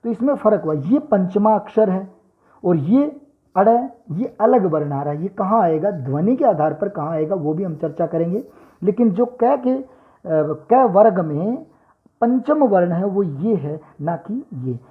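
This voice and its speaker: A man's voice: sits high, lively intonation, unhurried. A man teaching Hindi handwriting and letter pronunciation, patiently explaining and sounding out letters one by one. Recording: tinny phone-like audio.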